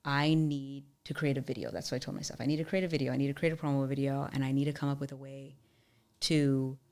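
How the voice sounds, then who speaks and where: A young woman telling a personal story as a podcast guest, animated and chatty, leaning on "like" a lot. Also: rumbling low, fast. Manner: animated storyteller, often says "like". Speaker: podcast guest, musician and entrepreneur. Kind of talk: storytelling in casual interview.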